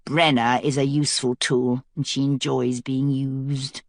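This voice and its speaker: Woman playing sly scheming prisoner guy, low mocking drawl, dry close sound. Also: level tone, unhurried, dry recording.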